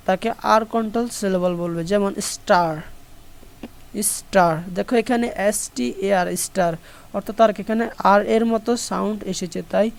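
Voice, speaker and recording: A woman's voice: medium pitch, a little mellow. A woman with a Bangladeshi accent teaching an online English lesson, explaining step by step and repeating each example.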